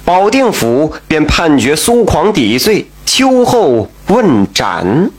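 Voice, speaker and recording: A man's voice: fairly high pitch, big pitch swings, slow. A man telling a folk tale in a chatty, colloquial way, with asides and exclamations. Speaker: storyteller.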